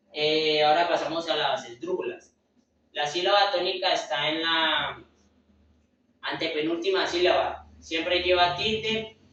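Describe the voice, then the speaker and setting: A man's voice: a little high, sharp tone, a little hiss or hum. A young man giving a class presentation, hesitant and filler-heavy, often restarting his words. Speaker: student presenter. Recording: echoey room, far from mic, dull lo-fi.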